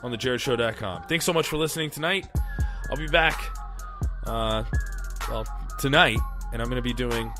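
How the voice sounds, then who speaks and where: A podcast host in a small studio talks solo over music, his mid-range voice at a normal speed. He reads aloud, then riffs in a casual, profane, rambling way.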